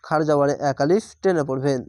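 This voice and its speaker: A man teaching Quran reading, sounding out each syllable slowly and drawing out the vowels before repeating whole words. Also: on the high side, darkish tone, dry recording, clean studio sound. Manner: slow, drawn-out syllable-by-syllable spelling and repetition. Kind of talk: spelling out Quran recitation lesson.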